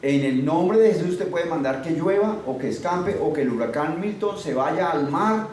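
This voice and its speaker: A man's voice: fairly high pitch, lively intonation, normal speed, darkish tone. A man preaching a sermon emphatically, firing rhetorical questions at his listeners. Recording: very echoey, far from the mic, faint noise.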